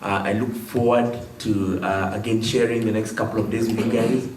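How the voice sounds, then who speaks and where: A man's voice: on the low side, flat delivery, moderate pace, a little mellow. Jovial man. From Kenya. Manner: jovial, welcoming. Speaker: public commentator. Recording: echoey hall, distant mic, background noise.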